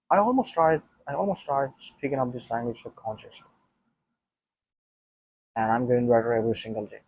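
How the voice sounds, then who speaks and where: His voice is medium in pitch, a little mellow and slightly rough, captured in a dry recording with poor audio. He's a non-native speaker talking casually on his own to a camera about learning English, full of restarts and repeated phrases.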